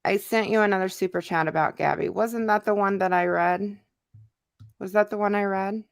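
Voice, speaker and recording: Chatting casually on her livestream, an American YouTuber responds to viewer comments in loose, fragmentary speech. Her medium-pitched voice is steady, gravelly yet smooth, at normal speed, in clean studio sound with no room tone.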